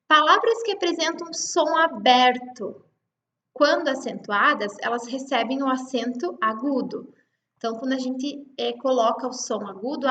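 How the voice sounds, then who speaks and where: High-voiced woman teaching in an echoey room. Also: a bit bright. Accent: Brazilian Portuguese. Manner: patient, explains step by step, checks in with students. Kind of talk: online class lecture.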